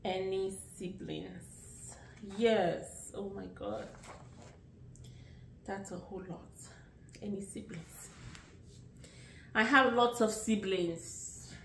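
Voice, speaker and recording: Answering get-to-know-me questions, a Nigerian-accented vlogger from Nigeria in her late thirties chats unhurriedly, rambling and restarting. Her medium-pitched voice is creaky and fairly bright, captured roughly by a distant mic in a roomy space with slight hiss or hum.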